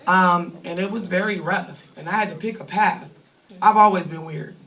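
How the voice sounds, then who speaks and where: A thirtysomething online creator from Sacramento, California, speaks candidly to a live fan-event audience, animated and laughing, with loud bursts of excitement. Her voice is on the low side at a moderate pace and sounds somewhat distant from the mic.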